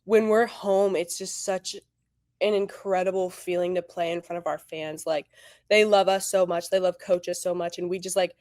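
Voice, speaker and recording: A woman in her twenties, a college softball player, talking in a casual interview, animated and full of "like". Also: lowish voice, normal speed, no room sound, studio quality. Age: 20s. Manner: animated, heavy use of "like", quotes teammates.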